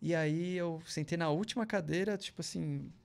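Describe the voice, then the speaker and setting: A man's voice: on the high side, moderate pace, gravelly. A man, a podcast guest, telling a long casual story in a slangy, rambling way and acting out other people's lines in a raised voice. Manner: slangy, rambling storyteller full of "cara" and "velho" asides.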